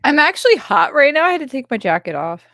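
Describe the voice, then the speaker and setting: A woman's voice: high voice, big pitch swings, fast, a bit bright, no echo, clean studio sound. A woman co-hosting a podcast, chatting casually with a wry sense of humor. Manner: wry, laughs easily. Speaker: podcast co-host. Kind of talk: casual chat.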